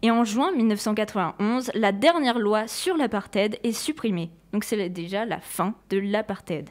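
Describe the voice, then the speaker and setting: A woman's voice: mid-range voice, moderate pace. A young woman presenting history on community radio, casual and chatty, with many fillers and restarts.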